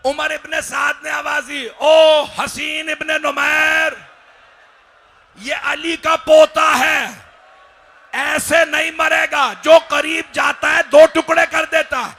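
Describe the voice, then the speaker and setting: A man giving an impassioned Muharram majlis recitation, crying out the story and dropping into low, quiet asides. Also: level tone, slow pace, gravelly. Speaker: majlis orator.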